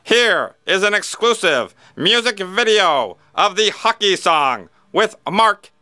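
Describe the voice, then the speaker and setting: A man's voice: sits high, big pitch swings, slow, pushed and bright, no room sound, full character voice. A man playing a dramatic old-time newsreel announcer in a grand, announcing delivery. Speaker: amateur contest entrant. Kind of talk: mock newsreel narration.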